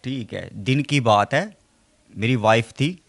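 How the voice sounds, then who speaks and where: Man, local news interviewee, halting delivery, filler-heavy, mid pitch. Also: animated, creaky. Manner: halting, repeats "theek hai" as a filler.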